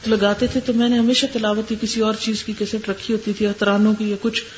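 A woman religious teacher answering listeners' questions in a gentle, advising lecture. She mixes English words into her speech and often checks in with her listeners. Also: mid-range voice, little pitch movement. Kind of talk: Islamic advice lecture. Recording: dull lo-fi recording with faint hiss.

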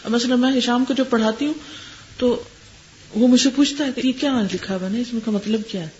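Gentle woman teacher giving religious advice. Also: on the high side. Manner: gentle, advising, often checks in with listeners; mixes English words into speech. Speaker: religious teacher answering listeners' questions. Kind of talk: Islamic advice lecture. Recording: dull lo-fi recording with faint hiss.

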